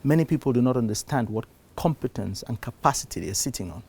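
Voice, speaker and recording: Middle-aged man giving an animated conference talk. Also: medium pitch, fast talker, husky. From Cameroon. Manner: animated, shifts loudness for emphasis. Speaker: conference speaker. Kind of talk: live talk on investing. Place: conference stage before an audience.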